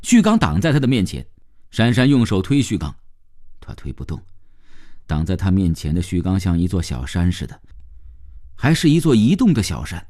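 A man's voice: low-pitched, sing-song, moderate pace, long pauses, dark tone. Brief: male audiobook narrator, subdued, varied intonation. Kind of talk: storytelling narration.

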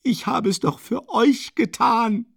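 A male audiobook reader voicing a desperate middle-aged mother, crying out shrill and breathless. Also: animated, slow, creaky, a bit bright, breathy edge, no echo, clean studio sound, exaggerated voice. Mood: frantic.

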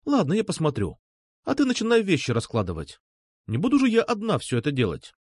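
A man voicing a brisk, teasing young woman who bosses around a classmate, with sharp mocking questions. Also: on the high side, wildly swooping pitch, slightly rough, no room sound, studio quality, pitched above the performer's own voice, full character voice. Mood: bossy.

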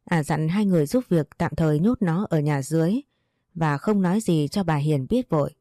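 A woman reading a melodrama story aloud, voicing every character in the same steady tone. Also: low-pitched, normal speed, no echo, studio quality. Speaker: narrator.

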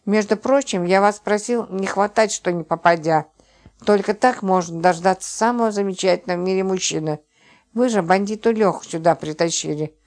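A woman's voice: mid-range voice, brisk, darkish tone, close to an everyday voice. A woman reading as a hot-tempered, sarcastic man. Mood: prickly. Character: jealous, sharp-tongued man, prone to outbursts.

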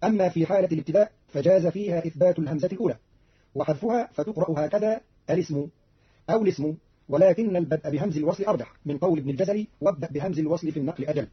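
Husky-voiced man reading very fast. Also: fairly high pitch. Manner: brisk, matter-of-fact reading. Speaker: radio announcer. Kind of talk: scripted explanation of recitation variants. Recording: muffled old radio recording.

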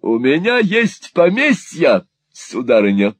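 A grandiose old gentleman with a high, strained voice. He speaks in slow, flowery courtly phrases with a pompous air. The timbre sits well away from the reader's own voice. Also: huge pitch swings, no room sound, full character voice. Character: eccentric, pompous old male gentleman suitor. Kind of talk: audiobook character voice.

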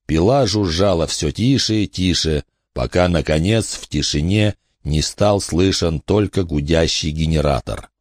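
A man narrating an audiobook in an expressive, dramatic storytelling manner. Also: low-pitched, unhurried, few pauses, no echo, studio quality. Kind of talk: scripted narration.

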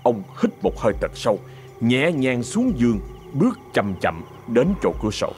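A man's voice: mid-range voice, huge pitch swings, normal speed, a little mellow, faint music behind. A man narrating a ghost story with a Southern Vietnamese accent, in a dramatic, suspenseful manner.

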